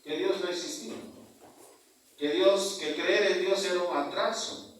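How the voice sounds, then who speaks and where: A man, a priest, preaching a sermon at mass, asking rhetorical questions and adding tag questions, slowing to stress key words. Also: high voice, steady tone. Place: large church. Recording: very echoey church from far off.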